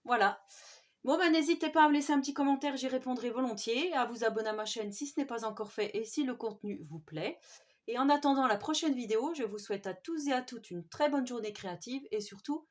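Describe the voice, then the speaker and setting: Soft-spoken woman showing craft papers. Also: a little high, brisk. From France. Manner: soft-spoken, admiring, with frequent fillers. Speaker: scrapbooking vlogger. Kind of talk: casual show-and-tell haul.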